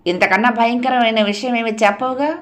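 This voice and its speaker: A strong-willed young woman from an audio novel who will not let her friend go. She coaxes her and then turns sharp and sarcastic, voiced by the woman narrating. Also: a little high, fairly even intonation, brisk, lightly acted. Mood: sarcastic, scolding. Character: firm, caring young woman, cousin and friend.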